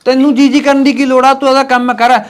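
Man as a scheming husband, placating, Punjabi accent, slightly high voice. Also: fairly even intonation, fairly quick, natural voice. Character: scheming husband eyeing the family land.

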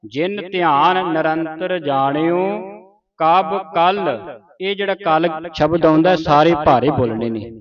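Slow, deliberate male recitation teacher. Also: on the high side. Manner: slow, syllable-by-syllable recitation with pronunciation corrections. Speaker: gurbani teacher. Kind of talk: santhya recitation lesson. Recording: dull audio with a group repeating. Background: a group of students repeating the words.

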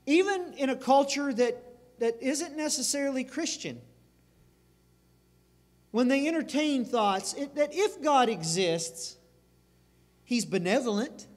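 Male pastor, sermon, high voice, slow deliberate delivery, long church reverb. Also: animated. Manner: earnest, emphatic preaching with repeated phrases and restarts. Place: church sanctuary.

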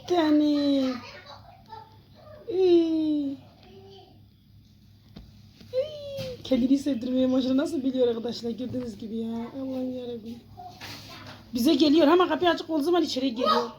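A woman's voice: high voice, fast, lo-fi sound, background noise. A woman chatting casually in a home vlog, talking to viewers and calling and cooing to a cat. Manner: chatty, exclaiming, coos and calls to a cat. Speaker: home vlogger. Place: at home by an open door.

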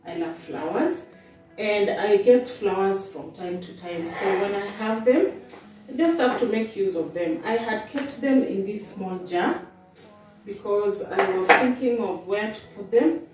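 A woman, calmly talking through her home cooking step by step, with many small pauses. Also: medium pitch. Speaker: vlogger, stay-at-home mum. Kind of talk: casual cooking voice-over. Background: soft background music.

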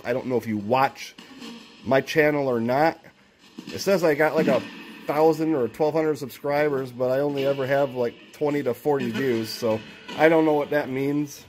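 A man's voice: mid-range voice, a little mellow. A man, middle-aged, talking informally and ramblingly as he hosts a homemade video, recorded indoors on a handheld camera. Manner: informal, rambling, talks to himself. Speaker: video host. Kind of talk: casual vlog narration with questions called out to spirits. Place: indoors by a window in a room. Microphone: handheld camera, speaker off screen.

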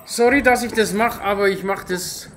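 Excitable Franconian let's player man. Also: high-pitched, moderate pace, a little hiss or hum. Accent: Franconian German. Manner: exclaims a lot, talks to his pet in the game. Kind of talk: excited gameplay commentary.

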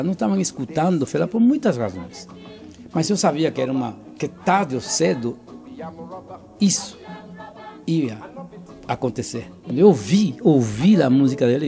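Older man, from Cuba, gravelly, dark, earnest and emphatic, interview, handheld mic indoors. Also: mid-range voice. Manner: earnest, emphatic, repeats and restarts words. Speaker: interviewee, author. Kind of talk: interview answers. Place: living room, indoors. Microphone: handheld mic held by interviewer.

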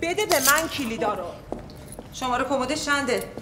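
An actress playing a stern office supervisor who gives brusque orders and brushes off complaints. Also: female voice, high-pitched, expressive, reverberant, noisy background. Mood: commanding. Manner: brusque, commanding. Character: stern female office supervisor, curt and dismissive. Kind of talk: film drama acting.

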